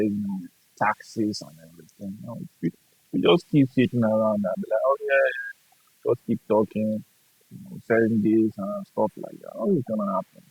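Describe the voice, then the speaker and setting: Gravelly low-voiced Nigerian man. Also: no echo. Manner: blunt, profane, repeats himself. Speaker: gaming streamer. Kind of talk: casual ranting chat. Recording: dull lo-fi dry sound.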